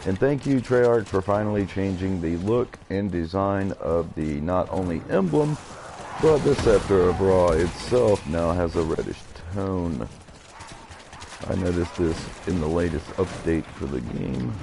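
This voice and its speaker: A man's voice: deep voice, expressive, measured pace, creaky, background noise. A man in his thirties streaming a game live, chatting and rambling to his viewers as he plays. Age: 30s. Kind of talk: casual live gameplay commentary.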